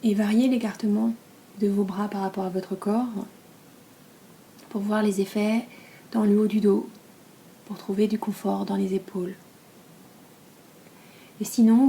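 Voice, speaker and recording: This French woman teaches yoga nidra, leading listeners through relaxation in a mid-range voice. She keeps her delivery soft, breathy and calm, soothing them with long pauses between phrases.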